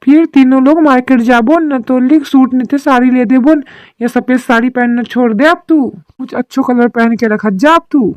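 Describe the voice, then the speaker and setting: A woman's voice: sits high, moderate pace, darkish tone, no room sound, natural voice, rough recording. A woman voicing a worried rural mother-in-law in a cartoon drama, talking in a homely village dialect. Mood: affectionate.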